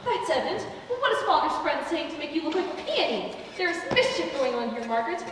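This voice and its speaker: A woman's voice: high-pitched, very animated, fast talker, a bit bright. A woman playing a haughty, scolding, wealthy old aunt in a stage play, with an imperious, indignant manner. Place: theater stage, recorded from the audience area. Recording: roomy theater, distant mic, faint noise.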